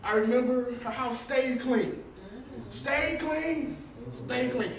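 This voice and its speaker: A woman's voice: sits high, slow pace. Echoing funeral eulogy, woman in dignified grief. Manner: repeats phrases for rhetorical effect. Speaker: grandchild giving a funeral eulogy. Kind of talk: funeral eulogy, storytelling turning to preacher-like cadence. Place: large echoing room at a funeral service. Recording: very echoey hall, distant mic, faint noise.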